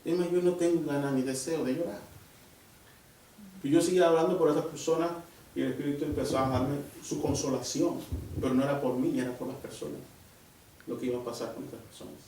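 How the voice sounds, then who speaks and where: A man preaching a sermon at church, emphatic and animated, often dropping into a hushed voice as he tells a personal testimony. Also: a little high, fairly quick, a little hiss or hum. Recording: very echoey church hall from far off.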